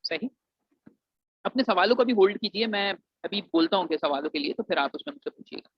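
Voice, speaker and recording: Animated, a little fast and slightly rough, this high-pitched Pakistani man is captured in a dull, dry lo-fi recording with no room sound. He explains engineering admissions to students, blending English phrases into Urdu and calling them "beta."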